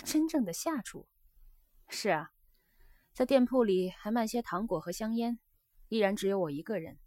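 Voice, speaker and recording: A woman's voice: medium pitch, expressive, normal speed, warm tone, dry recording, voice pushed up, close to an everyday voice. A woman reading aloud voices a young geisha who talks earnestly and presses her lover for an answer, in a dry close recording. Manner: earnest, coaxing and insistent.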